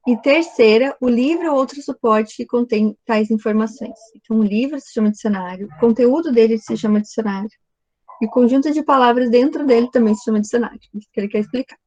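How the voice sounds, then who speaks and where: A woman's voice: fairly high pitch, warm tone, highs cut off. A woman teaching a recorded video lesson, explaining step by step and often checking in with the class.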